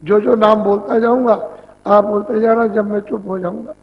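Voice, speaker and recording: A man's voice: high voice, steady tone, normal speed. A man giving a devotional sermon as a spiritual teacher, instructing in a plain, repetitive way. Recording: dull lo-fi 1990s tape recording.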